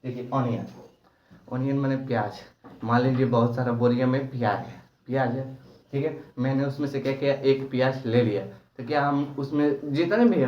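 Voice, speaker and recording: A man teaches a grammar lesson, firing questions at the class and answering them himself. His voice sits at a middle pitch and is picked up from a distance, so it sounds thin and far away. The room is echoey and the recording sounds dull and lo-fi. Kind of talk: classroom lecture.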